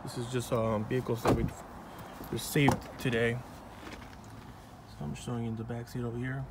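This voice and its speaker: Guy walking round a car on a dealer lot, easygoing, mid-pitched voice, phone mic, lot noise behind. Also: moderate pace. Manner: relaxed, offhand, talks to viewers directly. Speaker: car salesman showing a new car. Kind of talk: casual walkaround video. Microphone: phone held in hand while filming.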